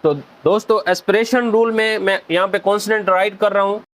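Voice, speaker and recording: A man teaching a language lesson at a whiteboard, explaining each rule step by step and slowly repeating the syllables. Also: high-pitched, steady tone, a bit bright. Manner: often addresses viewers as friends.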